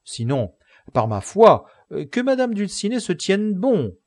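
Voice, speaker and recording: A man voicing a simple, blunt, loyal squire in an audiobook, excitable and pleading, pitched higher than his narration. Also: unhurried, no echo, studio quality, exaggerated voice. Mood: indignant. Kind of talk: audiobook character reading.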